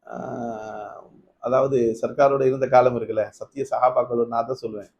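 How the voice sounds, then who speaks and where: A man giving a Ramadan night sermon, telling stories, asking his listeners questions, rising to emphatic peaks and then dropping low. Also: flat delivery, moderate pace, lo-fi sound. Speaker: preacher.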